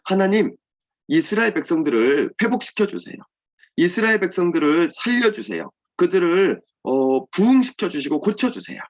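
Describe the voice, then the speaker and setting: Man voicing a pleading royal official in a kids' Bible story, lively and heartfelt, dull recording. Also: on the high side, normal speed, husky, voice pushed up, full character voice. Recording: dull lo-fi sound.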